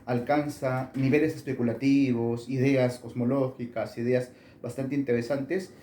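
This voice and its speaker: A man's voice: medium pitch, flat delivery, measured pace, dark tone, reverberant, a little hiss or hum. A man, an author answering interview questions in a thoughtful way with many fillers and restarts.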